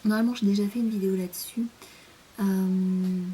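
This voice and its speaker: A woman's voice: mid-range voice, steady tone, moderate pace, warm tone, a little hiss or hum. A young French woman chatting in a casual rambling monologue, hesitant, with many fillers, often sinking to a near-whisper. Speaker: vlogger.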